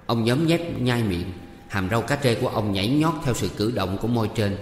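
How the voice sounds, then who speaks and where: A man reading a novel aloud as a steady storyteller. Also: lowish voice, fairly quick, a little hiss or hum. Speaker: audiobook narrator. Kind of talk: scripted narration of a novel. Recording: echoey room with long reverb.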